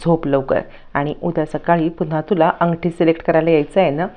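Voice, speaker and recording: A woman voicing a calm, reassuring young man in a TV serial recap, speaking gently. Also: low voice, brisk, narrow, tinny audio, close to an everyday voice. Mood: soothing.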